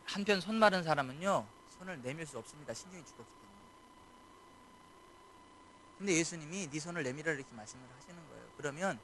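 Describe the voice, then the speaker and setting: A man's voice: on the high side, bright, forceful tone, a little hiss or hum. A man preaching as pastor at a late-night church service, questioning his congregation and pressing his points home. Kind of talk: sermon.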